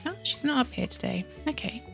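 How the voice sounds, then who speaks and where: A woman hosting a let's play, chatting casually through her game and sometimes dropping into soft whispered asides. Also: a little high, expressive, brisk, gravelly, music in the background.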